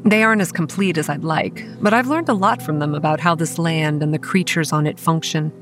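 An actress voices a young campground manager, guarded, stubborn and quick to anger, as the lead of a horror podcast. Her brisk, lightly acted first-person narration and dialogue sit in a lower register over faint music. It's earnest and dramatic with a sardonic edge, in a measured, explanatory mood.

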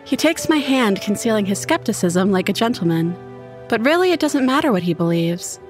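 Woman narrator, first-person horror story, intimate, expressive, mid-pitched voice, faint music behind. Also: brisk. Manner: intimate, expressive, voices her own character's lines.

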